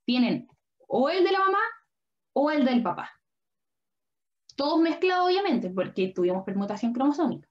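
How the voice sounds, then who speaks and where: A young woman teaches biology in a high, bright voice. She explains patiently, drawing as she goes and often asking whether her students follow. The audio sounds dull and lo-fi, like an online class recording. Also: big pitch swings, moderate pace, pauses often. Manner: patient, checks understanding with frequent questions. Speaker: biology tutor.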